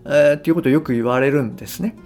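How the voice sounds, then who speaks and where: Guitar music accompanies a middle-aged man whose voice sits a little high as he talks unscripted as a podcast host and coach. He takes his time, stays easygoing, and explains things to the listener with mild emphasis and tentative phrasing.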